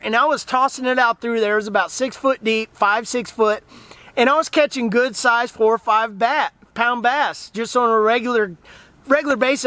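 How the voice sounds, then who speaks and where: A man's voice: extremely high pitch, no echo. A man, talking casually and eagerly to the camera about fishing, outdoors by a river. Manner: enthusiastic, plain-spoken, animated hand gestures. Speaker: fishing channel host.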